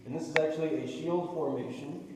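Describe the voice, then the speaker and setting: A male tour guide talks informally, explaining as he goes with some casual hesitation. His voice rings with long, heavy cave reverb. He is picked up from far off through clearly audible noise. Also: a little high, a little fast. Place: inside a cave. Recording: very echoey cave, distant mic, noisy.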